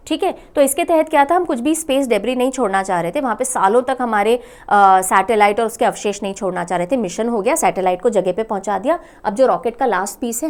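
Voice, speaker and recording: A woman's voice: a little high, darkish tone. A woman teaching a current affairs lesson for exam preparation, asking questions and answering them herself, mixing English phrases into Hindi. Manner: explains step by step, asks and answers own questions. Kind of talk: exam-prep lecture.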